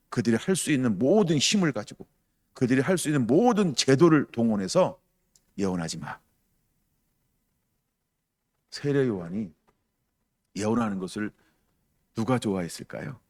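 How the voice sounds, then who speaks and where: A man preaching a sermon as pastor, emphatic, asking the congregation questions and acting out quoted voices with loud bursts. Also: on the low side. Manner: acts out quoted voices with sudden loud outbursts.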